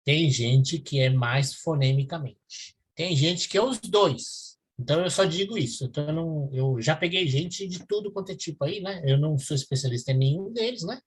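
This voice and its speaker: A man's voice: on the high side, lively intonation, moderate pace, few pauses, breathy edge. A man, giving a university lecture and explaining step by step while checking in with his students. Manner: explanatory, checks in with listeners often. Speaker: university professor.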